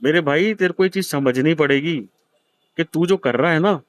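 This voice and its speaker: A man's voice: on the high side, moderate pace, no room sound. A man in his thirties, hosting, gives a blunt, profane scolding to a gambler in a harsh heart-to-heart lecture. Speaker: host counseling a gambler.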